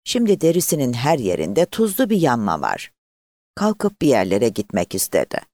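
Male audiobook narrator, measured storytelling, very lively pitch, dry close-miked sound. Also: no room sound.

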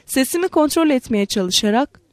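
Woman, audiobook narration, measured and expressive, fairly high voice, dry close sound. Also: no room sound.

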